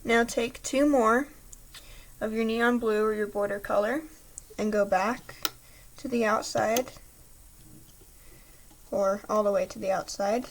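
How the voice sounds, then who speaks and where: A woman's voice: a little high, steady tone, takes it slowly, long pauses, a little hiss or hum. Chatty woman giving craft instructions. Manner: patient, chatty instructions with small slips and apologies. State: slightly throaty, clears throat. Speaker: craft tutorial maker. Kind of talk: step-by-step craft tutorial.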